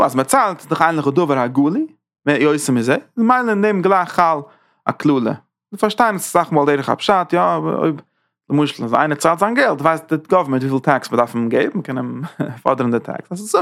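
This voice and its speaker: A man teaching a Torah class in a lively lecture style, talking with sudden leaps in pitch. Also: gravelly.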